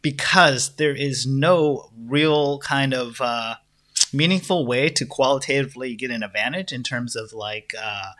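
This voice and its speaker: A man's voice: mid-range voice, measured pace, a bit bright. A young adult man hosting a casual stock analysis video, talking loosely with many fillers and restarts. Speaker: stock market video host.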